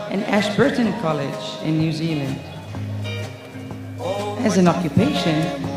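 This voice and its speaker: A pageant emcee reading out contestant bios and calling for applause in a large indoor gym. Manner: reads bios, urges applause. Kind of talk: scripted contestant introductions. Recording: booming gym hall with music. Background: background music.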